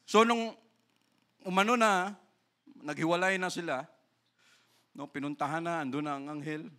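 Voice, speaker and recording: Bright-voiced Filipino pastor preaching. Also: male voice, a little high, steady tone, moderate pace. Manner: mixes Tagalog and English, frequent tag "no?", acts out dialogue. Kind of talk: sermon.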